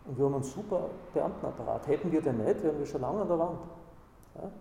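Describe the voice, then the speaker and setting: A man talks in a gravelly, slightly high voice that wanders from point to point, often tagging his remarks with a questioning "Ja?". He sounds a little distant in a hall with a long echo. A faint room ambience sits behind him. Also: lively intonation, fast, mellow, slight background noise. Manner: discursive, tags points with "Ja?".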